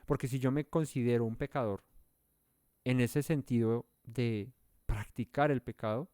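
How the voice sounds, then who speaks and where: A man leads a verse-by-verse Bible study with a smooth, clear voice. His delivery is earnest and explanatory, and he lifts his emphasis on key points. The sound is dry and close. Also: medium pitch, fairly even intonation, unhurried, a little mellow, no echo. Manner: self-correcting, searching for words aloud.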